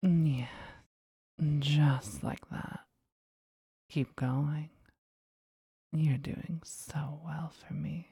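A woman whispers close and breathy, her low voice husky with gravelly fry. She takes her time over every word in a teasing, commanding way. The sound is intimate and dry. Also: steady tone, drawn-out words, long pauses, dark tone, dry recording. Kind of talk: whispered intimate ASMR roleplay.

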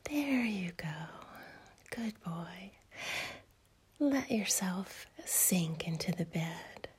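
A woman voicing a teasing, doting adult female fairy in a whispered audio roleplay, with a soft breathy whisper and slow, coaxing delivery. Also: on the low side, animated, full character voice.

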